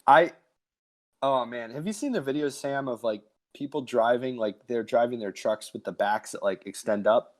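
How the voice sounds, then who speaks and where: A young man co-hosts a casual podcast, telling stories loosely with plenty of fillers and lots of "like." He's a laid-back storyteller with a medium-pitched voice and normal speed.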